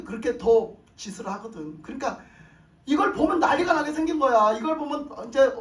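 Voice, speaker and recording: Very high-pitched guy pastor, telling his story all worked up, sounds far off in a roomy church. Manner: animated, emotional storytelling. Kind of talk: sermon testimony storytelling. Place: church sanctuary. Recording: roomy echo, mic at a distance.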